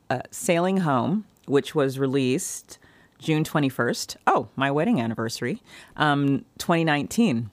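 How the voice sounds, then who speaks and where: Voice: medium pitch, no echo. A podcast host giving an upbeat, chatty intro and interviewing a guest.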